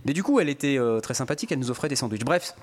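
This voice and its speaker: A man's voice: mid-range voice, lively intonation, very fast, slight background noise. A man co-hosting a casual live-streamed show, teasing his friends and laughing often. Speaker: podcast co-host.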